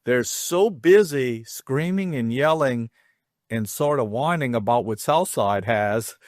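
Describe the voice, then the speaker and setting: A middle-aged man hosting a casual high school sports talk show, rambling and chatty, with frequent restarts and self-deprecating jokes. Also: lively intonation, slow pace, no echo, clean studio sound.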